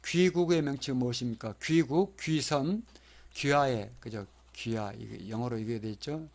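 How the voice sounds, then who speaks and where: A man gives a recorded exam lecture in an explanatory tone. He repeats each key term for memorizing and spells English phrases out slowly. His voice sits at a middle pitch. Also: creaky, darkish tone.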